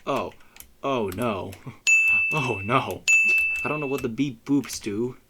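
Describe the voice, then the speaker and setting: A man's voice: mid-range voice, takes it slowly, noisy background. A young man giving rambling, self-mocking commentary while playing a game, with frequent cursing and yelped "oh no"s. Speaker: gamer recording a let's play.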